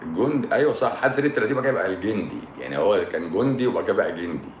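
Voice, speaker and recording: A deep, low-pitched man speaks with an Egyptian Arabic accent in an echoey room. He chats casually with his livestream viewers, joking, chuckling and repeating his phrases. A steady noise sits under his voice. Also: rapid-fire. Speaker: live-stream host answering viewer comments. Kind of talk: casual live-stream chat.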